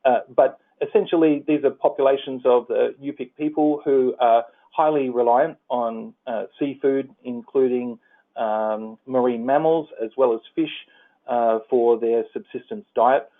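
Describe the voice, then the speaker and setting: On a conference call, an Australian presenter walks listeners through his slides in a middle-pitched voice over a narrow, tinny phone line. His delivery is halting, full of fillers and restarted sentences.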